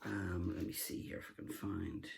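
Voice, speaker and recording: A man's voice: sits low, flat delivery, moderate pace, creaky, a little mellow, a little hiss or hum. A man hosting a collector vlog, talking casually and rambling through his books. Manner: rambling, with many fillers and restarts. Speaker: collector video host. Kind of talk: casual show-and-tell vlog.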